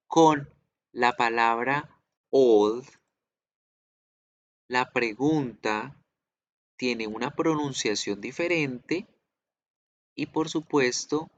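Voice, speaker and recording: Slow, patient man teaching. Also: medium pitch, a bit bright, no echo, dull audio. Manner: slow, patient explaining, drilling pronunciation aloud. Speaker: English teacher. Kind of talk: online class explanation.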